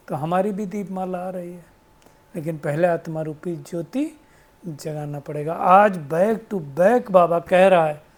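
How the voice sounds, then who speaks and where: A man giving a devotional spiritual talk, explaining patiently, quoting sayings and asking rhetorical questions. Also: a little high. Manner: asks rhetorical questions, tag "है ना?". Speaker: spiritual teacher. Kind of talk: devotional discourse.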